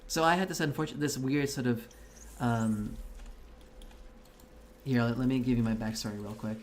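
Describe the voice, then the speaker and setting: A Belarusian man whose native language is Russian streams a game live, chatting casually and swearing a lot. He rambles and frequently restarts his sentences, speaking at a moderate pace with a medium-pitched voice. There's slight background noise in the recording.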